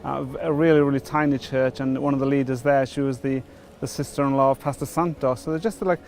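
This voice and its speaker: A middle-aged Welshman from Wales gives a personal testimony before his baptism in an interview, hesitating with lots of fillers and restarts. His voice is medium-pitched and steady, a little fast, with a darkish tone. A faint hiss or hum sits in the recording.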